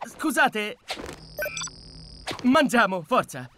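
Cocky, excitable young cartoon hero, swinging pitch. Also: male voice, extremely slow, full character voice. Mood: sheepish, smug. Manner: overdramatic, emphatic. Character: cocky young male superhero leader, excitable and scheming. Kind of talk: animated cartoon dub. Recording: loud music bed behind.

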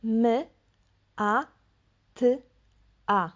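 A woman speech therapist leading a reading lesson, sounding out syllables slowly and deliberately with careful articulation. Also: fairly high pitch, dull audio.

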